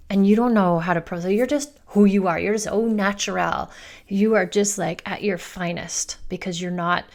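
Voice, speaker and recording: A woman's voice: mid-range voice, darkish tone. A middle-aged woman coach talking on her own podcast, playful, often acting out inner voices and quoted lines. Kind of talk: solo podcast monologue.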